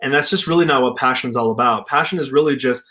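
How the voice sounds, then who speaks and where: A young man speaks casually over a remote call. His voice is mid-pitched, and he sounds thoughtful and unhurried, with frequent filler words as he works through his ideas. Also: bright, forceful tone. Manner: reflective, hedging with "like" and "you know". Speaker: co-founder and healing practitioner. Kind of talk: casual conversation.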